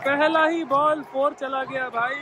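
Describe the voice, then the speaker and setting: A man in his thirties chatting excitedly in a casual vlog, filming himself outdoors with an action camera at arm's length. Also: extremely high pitch, measured pace, very noisy. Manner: chatty, excitable cricket talk. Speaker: vlogger. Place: outdoors in a stadium stand and a street.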